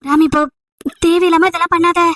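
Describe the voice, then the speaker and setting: A woman voicing an irritated, sharp-tongued young female college student in an amateur audio drama, scolding with sarcastic rhetorical questions. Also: extremely high pitch, steady tone, quick pace, dry recording. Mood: annoyed.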